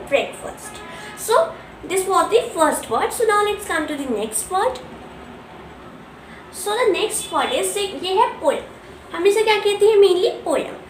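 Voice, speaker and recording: A young woman with an Indian accent teaching a spoken English lesson, mixing Hindi and English and repeating words slowly to model pronunciation. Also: very high-pitched, fairly bright tone, slight background noise. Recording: echoey room, voice from a distance.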